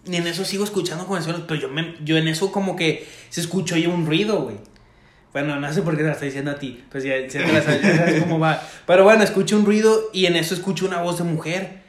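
Slangy Mexican man, echoey room. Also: a little high. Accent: Mexican Spanish. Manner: crude, slangy, quick to laugh. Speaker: podcast co-host. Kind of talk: casual storytelling chat.

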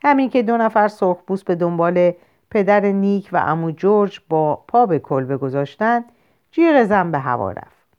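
A woman narrating a short story in a measured, expressive audiobook reading. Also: medium pitch, smooth. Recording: lo-fi muffled recording.

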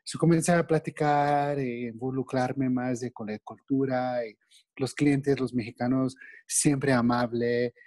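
Man, Texan, Spanish with English words, mellow tone, dry recording, chatty guest. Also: medium pitch, steady tone, a little slow, dry recording. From Texas, United States. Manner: friendly, mixes English words, asks 'no?' often. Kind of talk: casual interview talk.

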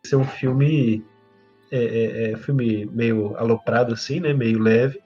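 A man's voice: mid-range voice, steady tone, slow, warm tone, faint music behind. A man in a casual online chat whose connection keeps breaking up. He hesitates, repeats words and trails off. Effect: choppy internet call audio, cutting out. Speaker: participant in a storytelling chat. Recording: dull lo-fi call audio.

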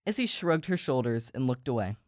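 A man co-hosting a podcast and reading a children's story aloud, slowing down for emphasis. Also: medium pitch, big pitch swings, dry recording, clean studio sound. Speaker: podcast co-host and story reader. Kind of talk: storybook narration.

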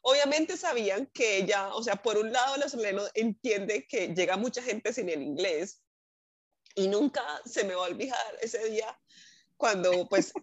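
A woman hosting a casual chat, animated and acting out the voices of people in her stories. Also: mid-range voice, no echo. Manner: animated, acts out quoted voices. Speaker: host.

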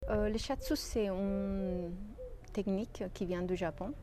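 A woman with a Mexican Spanish accent talks in French about her practice, her tone warm and mellow. She hesitates often, restarting phrases and filling pauses. A faint hum of ambient noise sits under her voice. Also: medium pitch. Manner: hesitant, many fillers and restarts. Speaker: shiatsu practitioner. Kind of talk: interview answers.

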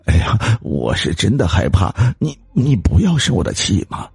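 A man's voice: lowish voice, wildly swooping pitch, moderate pace, a little mellow, breathy edge, no room sound, voice pushed up, full character voice. A man voicing a timid, cowardly husband who stammers and whines in fear. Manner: stammering, whiny. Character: timid cowardly middle-aged man, fearful.

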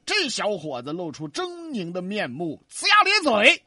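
A woman narrates a ghost story in a brisk, lively voice that is bright and a little husky. Her pitch moves about a lot, and the sound is dry. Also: dry recording. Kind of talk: comic two-hander folk-tale storytelling.

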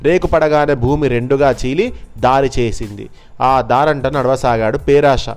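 A man narrating a folk tale in a measured, expressive telling. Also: mid-range voice. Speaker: storyteller. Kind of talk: storytelling narration. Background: faint background music.

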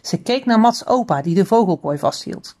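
A woman reads a children's book aloud in a storytelling voice. Her pitch sits in the middle but moves a lot, rising and falling through each sentence. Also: moderate pace. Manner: expressive storybook reading.

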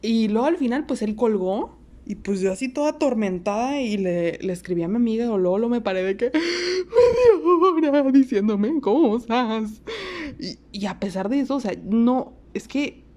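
A young woman with a Mexican Spanish accent, chatting to her viewers. Her voice is mellow and low-key, and she rambles along with fillers and quick asides. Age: young adult. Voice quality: low flat everyday voice. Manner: chatty, animated, with many fillers and laughs. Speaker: storyteller. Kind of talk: casual anecdote to viewers.

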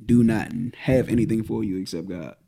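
A man's voice: fairly low pitch, brisk, creaky, dark tone. A man co-hosting a relationship podcast, speaking bluntly and plainly. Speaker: podcast co-host. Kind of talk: casual relationship talk.

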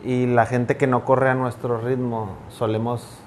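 Earnest man with halting speech. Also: medium pitch, little pitch movement, slight background noise. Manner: earnest, halting with frequent restarts. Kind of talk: reflective conversation.

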